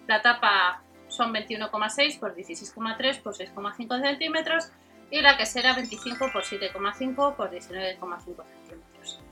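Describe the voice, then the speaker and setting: A woman's voice: on the high side, expressive, brisk, bright, forceful tone, faint music behind, rough recording. A woman with an accent from Spain doing an informal product rundown as a channel host, reading out specs and prices item by item. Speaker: host of a shopping video channel.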